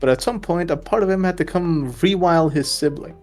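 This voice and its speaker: A man's voice: fairly high pitch, brisk, soft background music. Joking man reading a story aloud. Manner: laughs often, joking. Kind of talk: casual group reading and chat.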